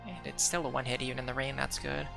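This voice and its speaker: Young man, streamer, gravelly voice, rambling fillers, faint background music. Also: mid-range voice, fast talker. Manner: rambling, many "like" fillers, self-correcting. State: hiccuping. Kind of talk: casual gameplay commentary.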